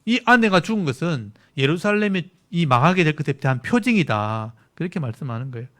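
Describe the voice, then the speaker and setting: A man's voice: fairly high pitch, big pitch swings, brisk, a bit bright. A male pastor preaching an expository midweek sermon, reading verses aloud and explaining them plainly to his congregation. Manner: explains scripture plainly, reads verses aloud, asks listeners to look at verses.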